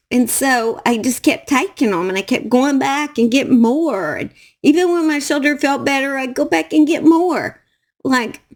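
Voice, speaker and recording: A middle-aged woman with a Southern US accent tells a personal story to camera, halting, emotional and repeating her phrases. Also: sits high. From Southern United States. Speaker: true crime YouTuber.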